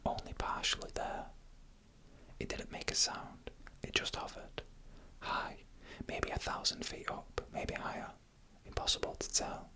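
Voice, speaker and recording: Whispering throughout with a crisp, bright breathiness, a storyteller narrates frightening UFO encounters. It's gentle, slow ASMR narration delivered near the microphone for listeners on headphones.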